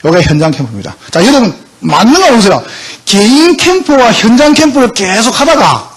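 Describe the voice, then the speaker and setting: High-pitched preaching man, husky. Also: very animated, a little fast. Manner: emphatic, asks the congregation questions. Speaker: pastor. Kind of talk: sermon.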